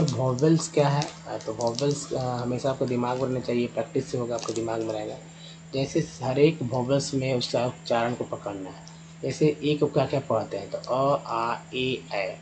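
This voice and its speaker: A man's voice: medium pitch, fairly even intonation, moderate pace, low-quality recording. A man teaching English pronunciation, patiently spelling out words letter by letter and repeating each sound. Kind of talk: Hindi-language phonics lesson at a board.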